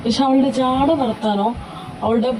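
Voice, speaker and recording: A blunt, hot-tempered young man, acted by a woman in a fan audio drama, talking back stubbornly and defensively. The voice sits a little high. A clear hiss of noise runs underneath. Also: fairly even intonation, moderate pace, lightly acted. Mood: irritated.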